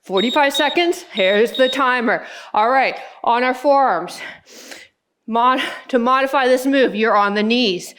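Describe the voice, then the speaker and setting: Higher-voiced woman counting out workout moves. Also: unhurried, a bit bright. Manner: encouraging, short instructional cues. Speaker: fitness instructor.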